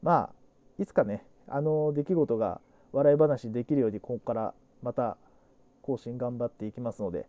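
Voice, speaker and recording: A man's voice: mid-range voice, moderate pace, dry recording, lo-fi sound. A man co-hosting a podcast, chatting in a polite, laid-back way. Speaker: podcast co-host. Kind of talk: casual podcast chat.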